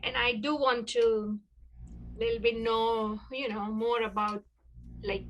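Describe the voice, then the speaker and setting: A woman speaking up in an online class over a group video call, halting and searching for words as she restarts her sentences. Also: on the high side, fairly even intonation, lo-fi sound, a little hiss or hum. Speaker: workshop participant. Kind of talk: casual sharing in an online class.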